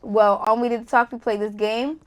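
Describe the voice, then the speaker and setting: A young woman hosting a casual interview, playful and quick to react, swearing casually. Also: a little high, fairly even intonation. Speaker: interview host.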